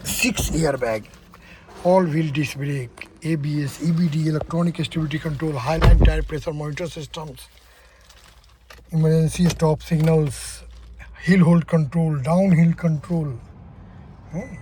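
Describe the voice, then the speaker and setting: A man gives a car walkaround review and reels off one feature after another, often checking in with the viewer. His voice sits a little high. The recording is noisy, with clear sounds around him. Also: steady tone, slow pace. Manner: lists features, checks in with tag questions.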